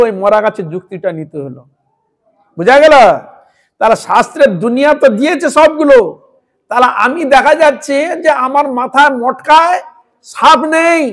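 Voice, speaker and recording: A man preaching a devotional sermon in a Bengali accent, telling a story and putting rhetorical questions to his listeners. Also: extremely high pitch.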